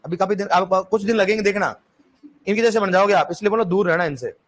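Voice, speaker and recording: A man's voice: high-pitched, quick pace. A man teaching agriculture to a classroom, quizzing students with repeated questions and light teasing. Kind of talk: classroom lecture.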